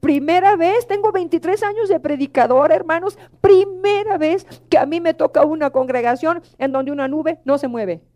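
A woman's voice: high voice, moderate pace, hardly any pauses, warm tone. A middle-aged woman preaching a sermon, emotional and pleading, often calling out to the congregation.

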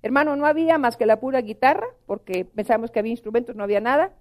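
High-voiced impassioned woman preacher. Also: rapid-fire, darkish tone. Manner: impassioned, asks the congregation questions. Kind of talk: sermon testimony.

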